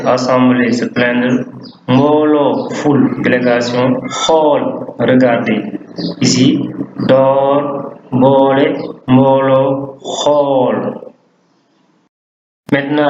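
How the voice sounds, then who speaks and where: Male language teacher, very slow, drilled delivery, echoey room. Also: darkish tone. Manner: drawn-out, drilled pronunciation of words. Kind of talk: slow, deliberate language lesson. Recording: echoey room, dull low-fi sound.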